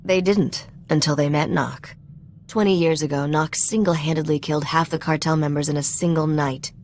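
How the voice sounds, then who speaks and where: In a video game cutscene, a woman plays a sly, self-assured treasure hunter and ship mechanic, dry, teasing, wry and confident. Her low, a little mellow voice keeps fairly even intonation at normal speed, lightly acted.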